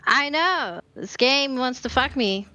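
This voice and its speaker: A woman streaming a co-op game with friends, excitable, swearing freely and coaching her teammates. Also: sits high, slow. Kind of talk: casual gaming chat with friends.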